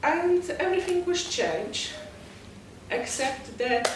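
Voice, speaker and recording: A woman's voice: high voice, very animated. Polish-accented woman in a very echoey, noisy room. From Poland. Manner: halting, non-native English phrasing. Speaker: guest, poet and novelist. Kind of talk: interview, personal account. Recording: very echoey, distant mic, noisy background.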